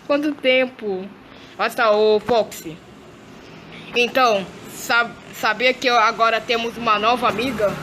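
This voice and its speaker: A woman playing through a game role-play, excitable, gasping and repeating her exclamations. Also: on the high side, slight background noise.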